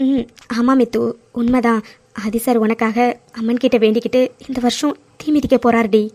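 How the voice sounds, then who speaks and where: Woman doing a calm, soothing young friend. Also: fairly high pitch, normal speed, pitched below the performer's own voice, close to an everyday voice. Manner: gentle, soothing and patient.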